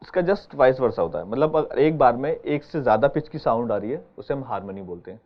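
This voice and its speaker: A man's voice: mid-range voice, expressive, a little fast. Patient keyboard teacher, man. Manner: patient, explaining step by step with frequent check-ins. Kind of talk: online music lesson. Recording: dull lo-fi sound with keyboard playing behind.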